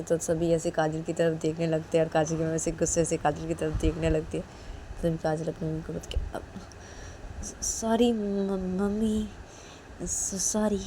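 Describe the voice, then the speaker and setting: A woman narrating a story in a casual, quiet way, linking events with repeated phrases. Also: low-pitched, slight background noise.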